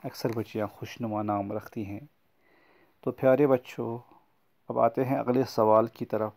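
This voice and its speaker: A man's voice: medium pitch, steady tone, gravelly, darkish tone. A man teaching a recorded lesson to young schoolchildren, patiently explaining word meanings and repeating key points. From Kashmir. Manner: patient, explains words slowly and repeats them for children.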